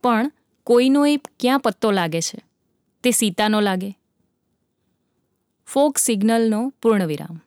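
A woman narrating a dramatic sea story with a vivid, measured reading. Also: fairly high pitch, expressive, a little mellow, no echo, studio quality.

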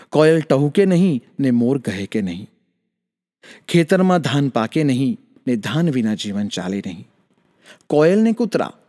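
A male storyteller narrates a folk tale in a rhythmic, sing-song cadence. His pitch swings lively up and down. A long reverb hangs behind the voice.

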